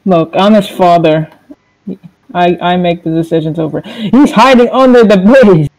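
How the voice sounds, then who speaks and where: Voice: mid-range voice, moderate pace, darkish tone, low-quality recording. A player chatting casually during a group game, playful, laughing and blurting out reactions. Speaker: gamer. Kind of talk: casual multiplayer game chat.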